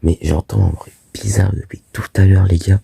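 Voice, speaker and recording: A young male vlogger with a hoarse, freshly woken voice, low and dark. He chats casually to his viewers, groggy and gravelly, in a close, dry bedroom recording. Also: fairly even intonation, normal speed, no echo. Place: bedroom at night.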